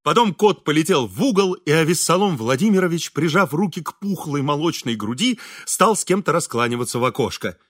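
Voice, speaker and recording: A man narrating an audiobook with expressive storytelling, his voice set high for a man and moving lively up and down. The sound is bright and completely dry, close to the mic. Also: brisk, few pauses, no room sound. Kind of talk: scripted narration.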